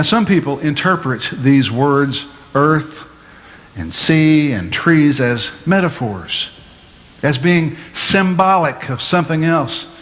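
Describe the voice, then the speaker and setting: A male pastor giving a measured, explanatory Bible-teaching sermon, asking his listeners questions as he goes. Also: fairly high pitch, fairly bright tone. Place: church sanctuary. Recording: long hall reverb, faint room noise.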